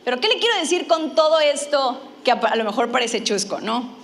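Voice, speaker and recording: A woman's voice: high voice, lively intonation, brisk, a bit bright, slight background noise. A middle-aged woman telling a funny story in a sermon, self-mocking and acting out her own lines. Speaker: preacher.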